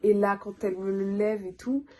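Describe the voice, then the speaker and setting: A young adult woman telling a personal story in a casual storytime vlog, animated and full of filler words. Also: medium pitch, normal speed. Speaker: vlogger.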